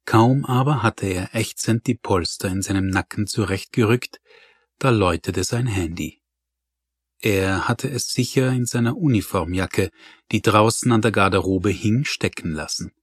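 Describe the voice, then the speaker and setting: A man narrating an audiobook in a calm, even storytelling manner. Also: lowish voice, unhurried, slightly rough, dry recording, clean studio sound. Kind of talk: scripted narration.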